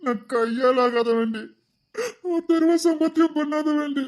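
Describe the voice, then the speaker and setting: An actor playing a jobless husband in a family drama, speaking Tamil with a Tirunelveli accent in an anxious, pleading way, at times slowed down by tears. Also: male voice, sits high, a bit bright. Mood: tearful. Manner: anxious, pleading, cries and slows when upset. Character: jobless husband, guilt-ridden and tender. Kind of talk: web series family drama.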